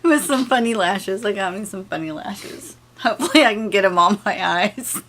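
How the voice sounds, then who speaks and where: A woman vlogger talking casually at a medium pitch. She is playful and giggly. She reads out survey questions and chats loosely between them. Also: normal speed, a bit bright. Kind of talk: casual chat.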